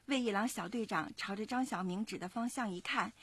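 A woman in her thirties narrates a children's story with expressive, measured pacing. Her voice is slightly husky. The sound is dry and close. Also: mid-range voice, no room sound. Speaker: parent storyteller.

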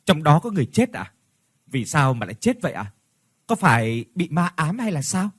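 A man's voice: fairly high pitch, sing-song, moderate pace, breathy edge, no room sound, studio quality, voice pushed up. A man doing an insistent wary young woman. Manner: insistent, argumentative.

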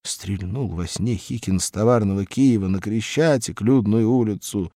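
A man narrating a humorous story as an audiobook reader, expressive and unhurried. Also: on the low side, dry recording.

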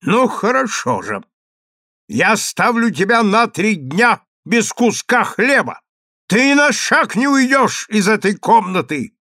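A man's voice: medium pitch, big pitch swings, normal speed, vocal fry, husky, no room sound, clean studio sound, exaggerated voice. A man reading a story aloud and voicing a domineering middle-aged husband who first coaxes his wife and then threatens her angrily. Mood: angry. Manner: coaxing, then loud and threatening.

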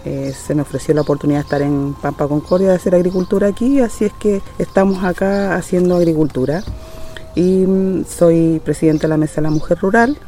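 Dark-voiced woman in her sixties. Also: on the low side, a little fast, slight background noise. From Valle de Azapa, northern Chile. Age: 60s. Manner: earnest and determined, with frequent hesitant restarts. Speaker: rural farmer and community leader. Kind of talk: casual testimony.

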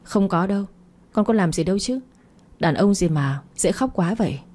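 A woman's voice: mid-range voice, lively intonation, normal speed, darkish tone, close to an everyday voice. A woman reading the part of a frank young woman who keeps refusing a suitor, in a storybook reading. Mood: reluctant. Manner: frank, reluctant.

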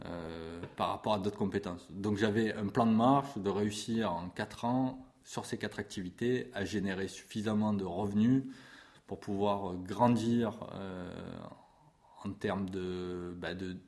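A man's voice: lowish voice, unhurried, a little mellow. A man in his forties, a music publisher, talking with passion about his trade in an interview, with many fillers and restarts. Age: 40s. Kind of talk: interview conversation.

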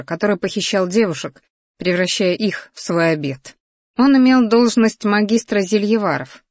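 A woman reading a first-person fantasy audiobook in a lively, expressive way. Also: medium pitch, dry recording, studio quality. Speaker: audiobook narrator.

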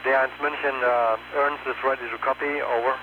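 A man's voice: mid-range voice, level tone, brisk. A male astronaut confirming updates by space radio in hesitant, formal, procedural phrases. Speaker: astronaut copying message updates. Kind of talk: space-to-ground radio exchange. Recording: noisy tinny space radio with hum.

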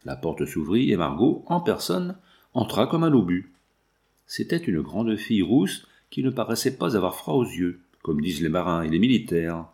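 A man reads a classic novel aloud as an audiobook. His voice is fairly low and his storytelling is measured. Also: very animated, vocal fry, a little mellow. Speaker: narrator. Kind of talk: audiobook narration.

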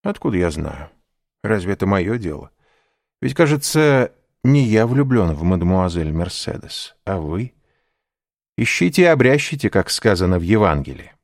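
A man's voice: low voice, big pitch swings, moderate pace, no echo, clean studio sound, full character voice. A man doing a sly, needling schemer. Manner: cool, ironic, needling.

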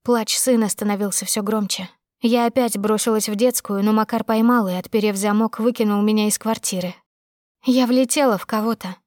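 A woman's voice: medium pitch, fairly even intonation, a little fast, darkish tone, no echo, clean studio sound. A woman narrating a dramatic first-person audiobook with tense, emotional storytelling.

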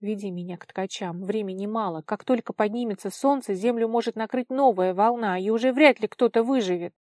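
A woman's voice: medium pitch, a little fast, a little mellow, no echo, studio quality, natural voice. A woman reader voicing an anxious, commanding young celestial woman, urgent and imperious in speech.

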